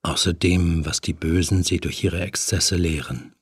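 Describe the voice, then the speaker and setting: Guy doing a creepy bee-filled demon with a hook hand, all low husky murmuring, real slow, audiobook. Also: fairly even intonation, no room sound, studio quality. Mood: menacing seductive. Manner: low murmuring, sinking to a hushed whisper. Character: hook-handed male demon full of bees, seductive.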